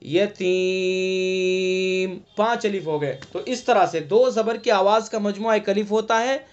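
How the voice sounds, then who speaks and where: High-voiced man teaching Quran recitation. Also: highs cut off. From India. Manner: patient step-by-step explaining, checks "ٹھیک ہے؟"; chants verses slowly, stretching vowels. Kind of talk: online Quran recitation lesson.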